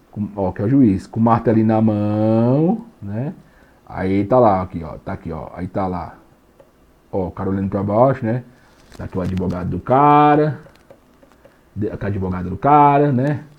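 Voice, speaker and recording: A man's voice: medium pitch, mellow. Man, law professor, online lecture, slangy, jokey, checks understanding. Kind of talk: online exam-prep lecture.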